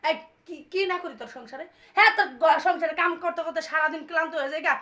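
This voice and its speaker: Woman acting as an angry wife yelling at her husband, super high bright voice, rapid-fire nagging, thick bangla. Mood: indignant. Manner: shrill scolding, taunting repeated questions. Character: furious first wife confronting her cheating husband. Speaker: actor in a comedy skit. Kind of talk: amateur comic drama acting.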